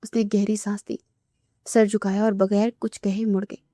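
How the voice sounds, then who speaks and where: A woman narrating a romance novel aloud in a soft, emotive way, sometimes dropping to a whisper. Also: mid-range voice, level tone, dry recording, clean studio sound.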